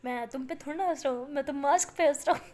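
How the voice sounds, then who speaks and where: A woman's voice: high-pitched, fast talker, a little mellow, lightly acted. A woman voicing a grown man, a friend's uncle, who teases and then takes offence, in a told story. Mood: teasing. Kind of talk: storytelling with voiced characters.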